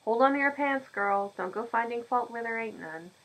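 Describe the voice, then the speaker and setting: A woman voicing a folksy older male farm handyman who teases in loud, drawling country talk. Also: fairly high pitch, fairly quick, pitched above the performer's own voice, rough recording. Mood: eager.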